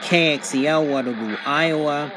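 With a fairly high pitch and a normal speed, a reviewer provides casual, methodical, matter-of-fact commentary while demonstrating something at a table indoors. Crowd noise and a radio can be heard behind him.

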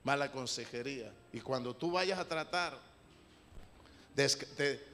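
A man preaching a sermon, theatrical, swinging from shouts to mocking asides. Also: mid-range voice, measured pace, a little hiss or hum. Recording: long hall reverb with loud music. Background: music.

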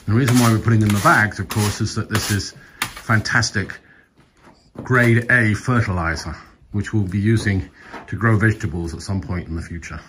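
His voice is on the low side, steady and moderately paced. The man, in his fifties, offers a wry, informal video tour explaining his restoration of an old farm, recorded on a phone at arm's length outdoors on the land and within a stone barn, with clear background noise and clicking.

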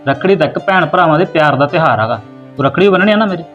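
A man's voice: on the high side, expressive, very fast, lo-fi sound, faint music behind. A man playing a caring brother who comforts his crying sister. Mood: comforting. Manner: warm, comforting. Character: kind loving young brother, working man.

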